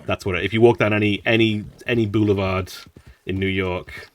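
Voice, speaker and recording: A man's voice: fairly low pitch, fairly even intonation, brisk, far from the mic. A man chatting casually while streaming a game, rambling and laughing often. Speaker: gaming streamer. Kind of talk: casual gameplay commentary.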